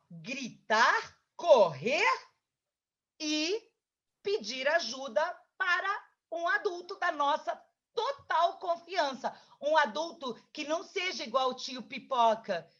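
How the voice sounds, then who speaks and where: A woman, a children's author, tells a story to a child in a lively, coaxing way. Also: sits high. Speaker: children's book author, guest. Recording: dull lo-fi recording.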